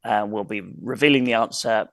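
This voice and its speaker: A man hosting an online quiz wrap-up over a video call, talking in halting bursts with many fillers and restarts. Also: on the low side, fairly even intonation, fairly bright tone, no room sound. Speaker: quiz host.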